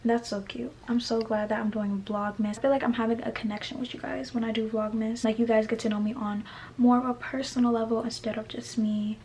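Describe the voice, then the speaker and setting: A young woman vlogging at home, chatting excitedly with her viewers while holding the camera and a little out of breath. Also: a little high, fairly quick, slight background noise. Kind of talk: casual vlog chat. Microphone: handheld camera mic.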